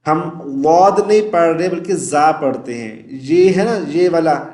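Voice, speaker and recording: High-pitched guy, pakistani urdu accent, teaching quran reciting, explains then chants slow, echoey room. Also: darkish tone. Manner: explains mistakes plainly, then chants verses slowly and drawn out. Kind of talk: recitation lesson.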